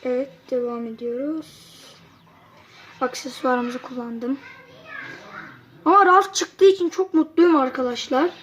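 A kid giving casual gameplay commentary to viewers, excitable and quick to frustrated outbursts. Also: sits high, low-quality recording. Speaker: gameplay youtuber.

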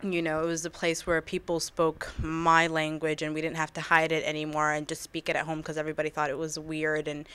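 A young woman with a low, smooth voice speaks in an even, level tone. She answers interview questions in a measured, earnest way, recorded on a webcam in a small room. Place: small indoor room against a plain wall.

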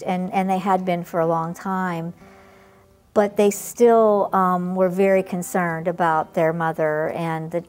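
Woman, hospice nurse storyteller: lowish, gravelly fry, halting and reflective, light music underneath. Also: a little mellow. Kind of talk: personal storytelling.

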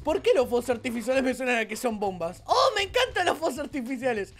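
A woman with a Rioplatense Spanish accent hosting a Let's Play, with excitable, playful, exclamatory commentary. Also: sits high, quick pace. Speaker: gaming channel host.

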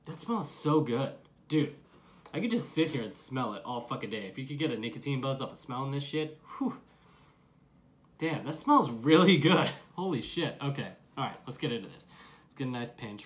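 A young adult man giving a casual product review to camera, with slangy talk and plenty of swearing. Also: mid-range voice. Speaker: dip review vlogger. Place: small room at home, curtain behind.

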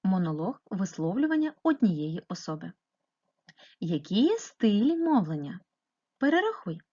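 A woman's voice: mid-range voice, very animated, moderate pace, warm tone, slightly rough, highs cut off. A woman teaching a primary school class remotely, explaining step by step and asking patient questions. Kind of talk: remote lesson narration.

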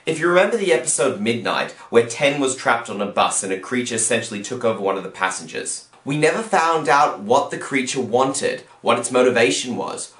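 A man hosting a comedic review, talking sarcastically and with exasperation, sometimes breaking into shouts. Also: mid-range voice. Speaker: host and reviewer. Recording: roomy echo.

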